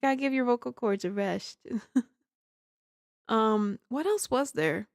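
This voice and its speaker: Speaking near the microphone on a game livestream, a woman giggles, rambles and jokes at her own expense in casual chat. She streams and does amateur voice acting. Her fairly high, gravelly voice has lively intonation and an unhurried pace, captured dry over background music.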